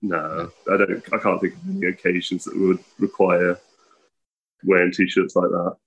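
A husky, low-pitched man with a fairly bright tone speaks flatly at normal speed over lo-fi audio. A tattoo artist from the Welsh border near Hereford with a Herefordshire, West Midlands English accent, he's a podcast guest talking casually and self-deprecatingly, using many fillers.

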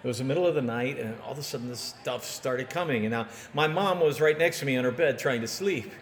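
A man's voice: medium pitch, fast talker. A man delivering an interpreted sermon in English, earnest and emphatic, after hosting the introduction. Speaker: sermon interpreter and podcast host.

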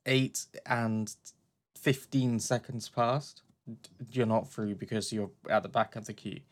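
A man's voice: fairly low pitch, fairly even intonation, measured pace. Dry-humoured British man chatting. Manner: dry, self-mocking humour. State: recovering from illness. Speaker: podcast co-host. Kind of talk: casual chat.

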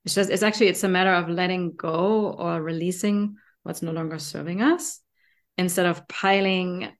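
German-accented woman co-host; warm-pitched, lower register; casual, eager podcast delivery. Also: steady tone, normal speed. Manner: enthusiastic, conversational, frequent "right?" tags.

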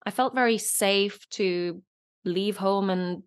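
A woman's voice: medium pitch, slow, clean tone. A woman in her thirties, born in Norway, with a British-leaning accent and Norwegian as her first language, chatting as a guest with many fillers. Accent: British-leaning, not clearly foreign. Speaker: actress, guest. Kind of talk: casual interview chat.

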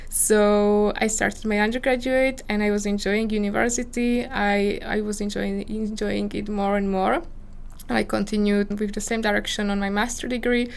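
Answering interview questions as a visiting scholar guest, a Slovak woman in her twenties speaks earnest, non-native English and searches for words. She has a Slovak accent and a medium-pitched voice with vocal fry.

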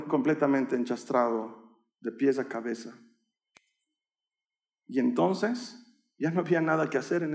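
A male preacher telling a personal story in a sermon, animated and acting out the voices of the people in it. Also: on the high side, vocal fry. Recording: echoey room.

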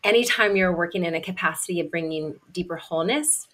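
A woman from Kentucky speaks as a podcast guest, earnest and heartfelt. Her voice is bright and forward, sitting a little low for a woman. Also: quick pace. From Kentucky, USA. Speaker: guest, singer and life coach. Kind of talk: podcast interview.

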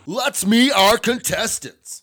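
A man playing a brash, dismissive game show host in a parody, with showy shouted announcing and drawn-out singsong phrases. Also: sits high, animated, very noisy. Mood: showy, upbeat. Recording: music bed behind voice.

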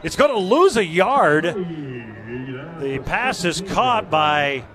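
A man's voice: on the high side, very animated, very slow, crowd noise. A man calling football play-by-play in live sports commentary. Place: outdoor football stadium broadcast.

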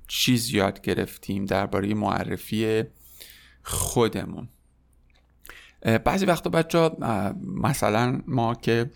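A man in his thirties from Iran, a French teacher giving a podcast lesson, saying French phrases slowly and clearly and explaining them quickly in Persian. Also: medium pitch. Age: 30s.

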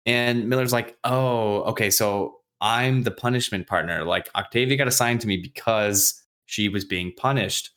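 A man on a podcast casually retelling a novel's chapters, acting out the characters' lines in quick, offhand voices and swearing freely. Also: fairly low pitch, fairly bright tone. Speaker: podcast host recapping a book. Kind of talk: casual chat.

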